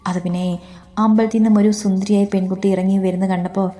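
A woman's voice: mid-range voice, flat delivery, a little fast, mellow, soft background music, lightly acted. A woman voicing a crude male kidnapper thug who speaks carelessly. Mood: leering.

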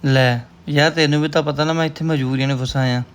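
Fast-talking homesick man. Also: fairly high pitch, fairly even intonation, clear, resonant tone. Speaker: brother on a call from abroad. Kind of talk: amateur short-film acting.

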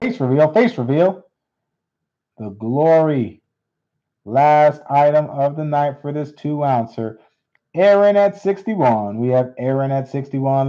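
A man runs a live coin auction, calling and repeating each bid in steady patter. His voice sounds mellow and unhurried. The stream audio is dull and lo-fi. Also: mid-range voice. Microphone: unseen, hands on camera.

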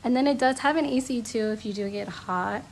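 A woman's voice: on the high side, fairly quick, vocal fry, a little hiss or hum. A young woman vlogger gushing as she walks the camera through a holiday villa, talking casually to viewers. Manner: gushing, enthusiastic. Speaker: travel vlogger. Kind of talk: casual room tour. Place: villa rooms and outdoor terrace. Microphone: handheld phone camera.

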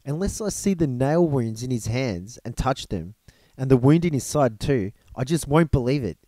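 A man's voice: mid-range voice, expressive, moderate pace, warm tone, no echo, lightly acted. A man voicing a stubborn male disciple who scoffs and refuses to believe. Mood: scoffing. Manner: scoffing, blunt.

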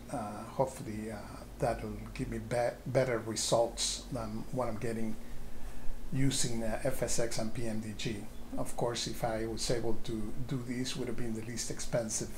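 A man casually explaining his flight sim setup in a home room full of monitors, talking into a handheld camera's mic in a relaxed, hesitant way with lots of "uh"s and restarts. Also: mid-range voice, slight background noise, low-quality recording. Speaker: flight sim hobbyist vlogger.

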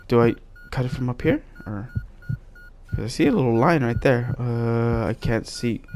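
A man giving comedic gameplay commentary, excitable, bantering as a mock doctor and yelping and shouting at mishaps. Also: medium pitch. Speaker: gaming video creator.

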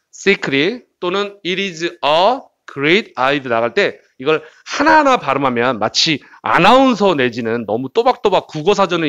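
A man teaching English pronunciation in a lively, joking lecture style, jumping from loud bursts to quiet asides. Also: fairly high pitch. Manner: playful, jokey, swings between loud bursts and quiet asides. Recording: dull lo-fi lecture recording.

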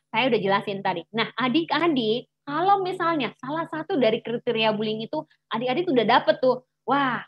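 A woman's voice: on the high side, no room sound, lo-fi sound. A woman teacher giving a chatty informal lesson to teens, full of fillers and acted-out taunts. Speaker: teacher giving an anti-bullying talk.

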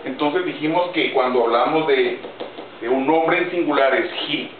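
A man teaching English grammar in Spanish, slow and deliberate, spelling out each example word by word. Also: medium pitch. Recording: roomy, distant, phone-like audio with faint noise.

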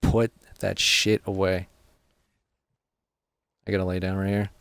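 A man with a low, gravelly voice runs a steady stream of frustrated, profane gameplay commentary. His talk is casual and close to the mic. The sound is dry, with no room echo. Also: a little slow. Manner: frustrated, profane running complaints.

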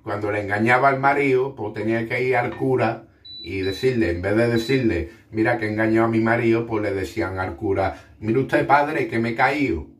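A man, co-host of a home cooking show, telling a long joke in a lively way and laughing at his own punchlines. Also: lowish voice, a little fast, echoey room, distant mic. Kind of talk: telling a joke, casual kitchen chat.

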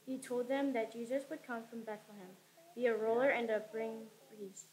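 A woman reading an Advent story aloud in church in a steady storybook manner. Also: a little high, normal speed, slight background noise, low-quality recording. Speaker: Advent reader. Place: church sanctuary stage.

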